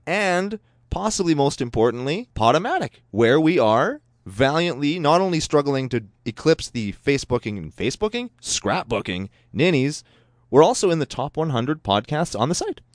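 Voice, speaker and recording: A man co-hosting a podcast, casual and playful, reading out shout-outs with jokes. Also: sing-song, moderate pace, dry recording, studio quality. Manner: playful, jokey, bursts into high exclaims. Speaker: podcast co-host.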